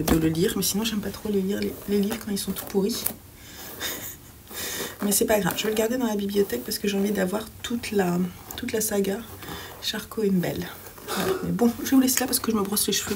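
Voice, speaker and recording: A woman's voice: medium pitch, vocal fry, a little mellow, slight background noise. A French woman chatting casually in a reading vlog from home, hesitant and full of fillers. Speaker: book vlogger.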